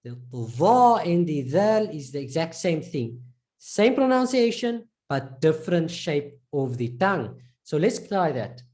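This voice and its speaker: A woman's voice: low-pitched, big pitch swings, a little slow, warm tone. A woman teaching a live online pronunciation lesson, patiently drilling each sound by repeating it again and again. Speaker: Arabic teacher.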